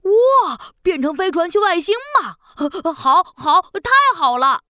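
A bright, high, childlike talking balloon. It is lonely and excitable, bursting into exclamations in a children's audio story. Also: female voice, normal speed, no echo, studio quality, exaggerated voice. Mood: thrilled. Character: lonely, excitable hot-air balloon longing to travel.

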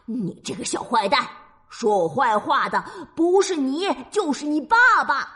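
A woman voicing a sly, blustering big bad male wolf in a storybook tale, with a gruff, bullying growl and howls. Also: sits high, sing-song, unhurried. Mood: furious.

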